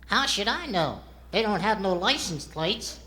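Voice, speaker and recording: Squeaky boy ventriloquist dummy, cheeky and naive, bright, swooping delivery for stage comedy. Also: lively intonation, measured pace, full character voice. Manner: cheeky, naive comic answers.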